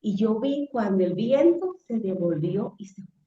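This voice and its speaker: A woman's voice: medium pitch, unhurried. Woman telling a dramatic testimony. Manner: animated storytelling, acting out her own shouts. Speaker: interviewee sharing a near-death testimony. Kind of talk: emotional personal testimony. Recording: echoey room, dull lo-fi sound.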